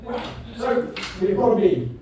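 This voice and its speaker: A man's voice: sits high, big pitch swings, a little slow, mellow, slight background noise. Jokey rambling older man on a stage. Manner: jokey, rambling, self-mocking. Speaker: musician hosting his gig. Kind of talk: chatty between-song banter. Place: live music venue. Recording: echoey venue from far off, music behind.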